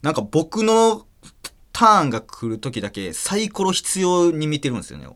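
A man with a Kansai accent, hosting a podcast and telling a story in a casual, animated way, acting out voices and laughing often. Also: fairly high pitch, moderate pace. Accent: Kansai Japanese. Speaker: podcast host.

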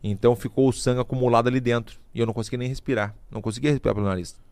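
A middle-aged man, a podcast guest telling stories in a casual, lively way. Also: mid-range voice, very fast, no echo. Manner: lively, vivid storyteller who adds sound effects. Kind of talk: casual storytelling. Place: podcast studio.

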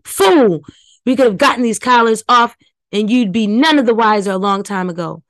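A woman voicing a furious, foul-mouthed woman in a story reading, with loud, scolding outbursts. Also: mid-range voice, normal speed, natural voice. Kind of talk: audiobook reading.

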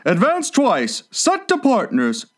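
A man plays a mournful old storybook turtle who gets easily carried away. The voice is pitched very high and swoops widely, with plaintive, stretched-out phrases. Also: wildly swooping pitch, slow pace, heavily acted. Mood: eager. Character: sorrowful, excitable old male Mock Turtle, storybook creature.

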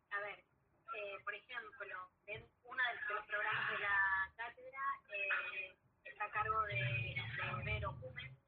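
A woman with an Argentine accent and a very breathy, husky voice, steadily describing activities as an interview guest. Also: medium pitch, slight background noise. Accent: Argentine Spanish. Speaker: guest academic. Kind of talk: conversational interview answer. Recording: tinny phone line.

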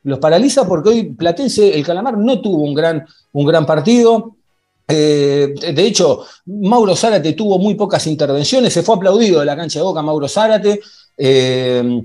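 A man with an Argentine accent hosting a football podcast in a conversational, halting way, often repeating himself. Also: fairly high pitch, darkish tone. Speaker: sports podcast host. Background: faint music.

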